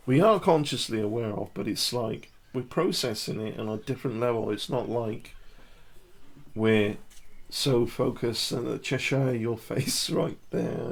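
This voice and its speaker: A man's voice: medium pitch, vocal fry. A man giving casual body-language commentary to camera, talking the viewer through poses and demonstrations.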